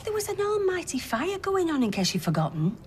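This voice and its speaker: A woman's voice: very high voice, wildly swooping pitch, a little fast, a little hiss or hum, heavily acted. An actress playing a defensive, exasperated woman in a TV soap, indignant and biting. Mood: indignant, agitated. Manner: indignant, sarcastic. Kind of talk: television soap drama.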